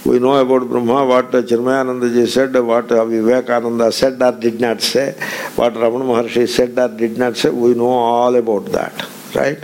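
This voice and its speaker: A man's voice: mid-range voice, flat delivery, moderate pace, darkish tone. A man giving a spiritual discourse, emphatic, repeating phrases and putting pointed questions to his listeners. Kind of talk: Vedanta discourse.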